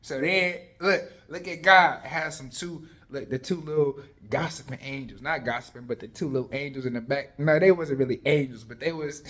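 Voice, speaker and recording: A man casually retelling a Bible story, animated and conversational, full of slang. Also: fairly high pitch, moderate pace.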